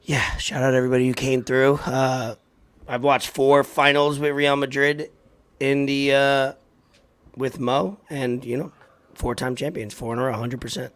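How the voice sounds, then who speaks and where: A man in his thirties with a raspy, hoarse voice, hosting a sports podcast in a halting, informal chat. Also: mid-range voice, flat delivery, fairly bright tone. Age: 30s. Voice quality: raspy, worn voice. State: hoarse from partying.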